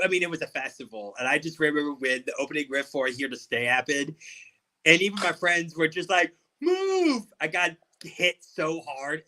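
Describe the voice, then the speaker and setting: Man, bright punchy voice, animated emphatic talker, casual music interviewer. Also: fairly high pitch, poor audio.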